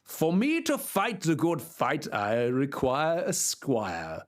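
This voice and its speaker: A man's voice: fairly high pitch, huge pitch swings, takes it slowly, exaggerated voice. A man voicing Don Quixote, a deluded, grandiose old knight, speaking in a formal, theatrical way. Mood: solemn. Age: older.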